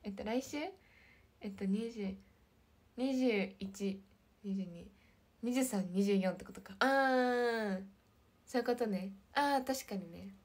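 A woman in her twenties with a light lilt, chatting casually on a livestream and reading viewer comments, often slipping into soft half-whispers. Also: mid-range voice, slow pace, long pauses. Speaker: idol livestream host.

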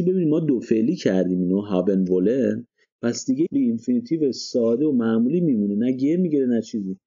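A man's voice: medium pitch, dark tone, slightly rough, dull audio. A male language teacher explaining grammar step by step and often stopping to check that listeners follow. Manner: checks understanding with frequent rhetorical questions. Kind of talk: explanatory lesson.

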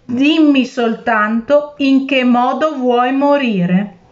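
A cruel, tricky male genie from a spoken storybook, as a woman reader puts him on. The voice sits somewhat high and unhurried, threatening one moment and wheedling the next. The recording sounds a little dull and lo-fi. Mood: menacing.

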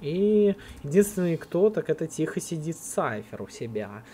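A man's voice: on the high side, big pitch swings, normal speed, warm tone. Male esports commentator over noisy game audio. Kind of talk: live play-by-play game commentary. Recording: clear noise, clicks, game sounds.

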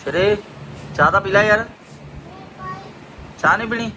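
Punjabi man vlogging over loud background noise. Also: high-pitched, normal speed, low-quality recording. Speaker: vlogger and father. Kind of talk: casual family vlog chat and narration. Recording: loud ambient and vehicle noise.

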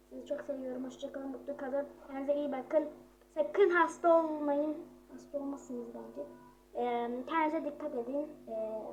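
High-voiced young girl gaming vlogger. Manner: chatty, easily frustrated, whispered asides. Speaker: gaming YouTuber. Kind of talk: casual gameplay commentary. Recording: loud background noise with clicks.

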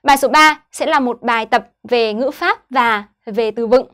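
A woman teaching an online English lesson, slowly modeling each English word and then explaining it to schoolchildren. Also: on the high side, a bit bright. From Vietnam.

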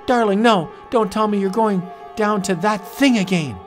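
A man's voice: sits high, moderate pace, soft background music, voice pushed up, natural voice. A man voicing a frightened young woman who pleads anxiously with her sweetheart. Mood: pleading.

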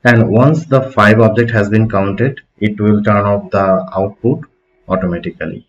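Male tutor in his thirties, low and steady, explains hands-on lessons on a muffled home mic. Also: moderate pace. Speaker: automation instructor. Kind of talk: screen-recorded technical tutorial. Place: small room at a desk. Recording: dull lo-fi home recording.

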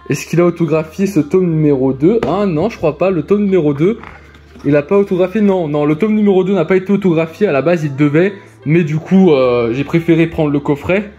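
A chatty man walks through his haul in a casual vlog, repeating himself and filling gaps with little hesitations. His voice sits a touch high for a man, and faint music plays underneath. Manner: chatty, many fillers and repeats, excited. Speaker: vlogger showing convention purchases.

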